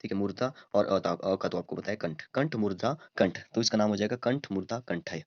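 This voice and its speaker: Low-voiced man teaching, dull dry sound. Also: animated, fairly quick, darkish tone, dry recording. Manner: many fillers and repeated "ठीक है" checks. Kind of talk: explaining grammar on a board.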